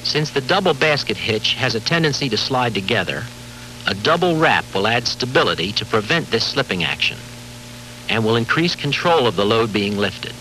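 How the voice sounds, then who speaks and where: A man giving formal, measured scripted narration for a safety training film, heard from a worn VHS tape copy with faint hiss and hum. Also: medium pitch, expressive, bright, forceful tone, low-quality recording. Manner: measured, formal, authoritative delivery.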